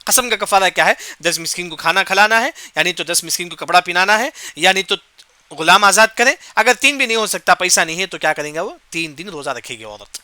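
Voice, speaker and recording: A man's voice: sits high, animated, bright, forceful tone, dry recording. A man giving a Quran commentary lesson. He asks and answers his own questions, repeats key points, and recites short Arabic verse phrases before explaining them. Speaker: Quran teacher.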